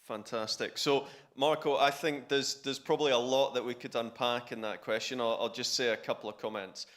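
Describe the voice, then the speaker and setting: A man's voice: mid-range voice, fairly even intonation, brisk, fairly bright tone. Conference panelist, man, explanatory with restarts.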